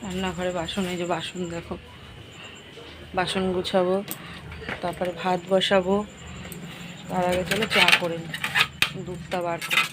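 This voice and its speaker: Middle-aged woman, lower voice, chatty housework vlogger, noisy home kitchen. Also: flat delivery, normal speed, long pauses. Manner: running commentary on chores, repetitive. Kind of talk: casual chat to viewers.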